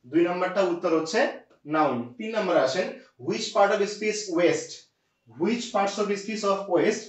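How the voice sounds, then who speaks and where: A man teaching an English grammar lesson, explaining step by step and often asking his students rhetorical questions. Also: sits high. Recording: echoey distant lo-fi room sound.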